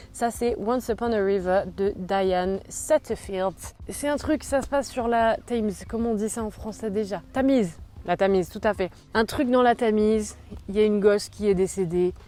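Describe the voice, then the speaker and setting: Young woman rambling about her book haul, mellow warm tone, lots of uhs. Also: mid-range voice, brisk. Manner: chatty, lots of slang and fillers. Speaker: book vlogger. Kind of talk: casual book haul chat.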